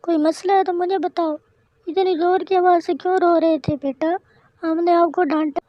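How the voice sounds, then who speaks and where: A high-voiced nagging cartoon mom. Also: female voice, steady tone, no room sound. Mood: concerned. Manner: lecturing, repeats herself. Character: scolding mother of a schoolboy. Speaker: mother. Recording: dull lo-fi dry recording.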